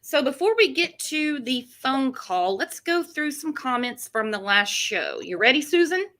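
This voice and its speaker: A woman's voice: high voice, sing-song, unhurried, fairly bright tone. A woman hosting a casual true-crime commentary chat, with a sarcastic, mocking edge. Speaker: host.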